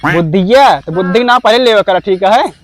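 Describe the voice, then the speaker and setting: A man's voice: high voice, animated, moderate pace, a crowd in the background. A man playing a bumbling Awadhi village exorcist. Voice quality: dialect-heavy, rambling, chanting. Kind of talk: rustic sketch comedy.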